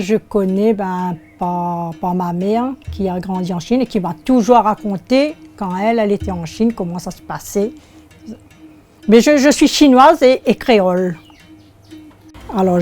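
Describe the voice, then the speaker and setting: An older woman in her sixties from Réunion, speaking, recalling her life as a shopkeeper in an unhurried, hesitant way. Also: medium pitch, a little mellow. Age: 60s. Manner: unhurried, hesitant, searching for words. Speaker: shopkeeper interviewee. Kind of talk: oral history interview.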